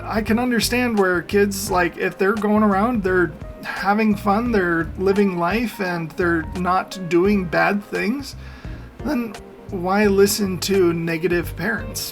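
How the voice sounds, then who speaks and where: A man's voice: high-pitched, gravelly. A man hosting a meme reaction video, talking casually and opinionatedly, rambling and laughing often. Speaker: meme reaction channel host. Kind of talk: casual commentary.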